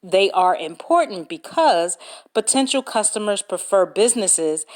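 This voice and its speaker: A woman hosts a solo podcast at an unhurried, measured pace. Her voice sits at an ordinary middle pitch, and she works through her tips step by step, spelling out names letter by letter. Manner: slow, deliberate, reads points aloud and spells words out. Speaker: podcast host. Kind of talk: solo podcast talk giving business tips.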